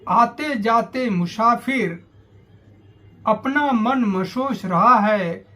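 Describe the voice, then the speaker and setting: Man, poetry recitation, very slow, high-pitched, measured, repeats lines. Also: pushed and bright. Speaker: poet.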